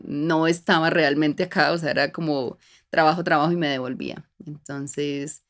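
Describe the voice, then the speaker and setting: A woman from Colombia with a Bogotá accent, speaking in a notably low voice. She talks reflectively in a relaxed interview, often pausing with fillers and restarting her sentences. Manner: reflective, warm storytelling with frequent fillers and restarts. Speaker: guest. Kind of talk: casual conversational interview.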